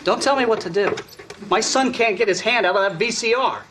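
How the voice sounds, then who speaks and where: A man's voice: high-pitched, big pitch swings, fast talker, background noise. An actor playing an irate father in a waiting room who barks complaints and picks a fight. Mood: furious. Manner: belligerent, shouting complaints. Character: irate father stuck waiting, short-tempered man. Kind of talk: sitcom acting.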